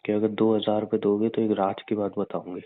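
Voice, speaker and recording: On a narrow, tinny phone line, a young adult man casually bickers with and teases his girlfriend. His voice is on the low side, level in tone and a little fast.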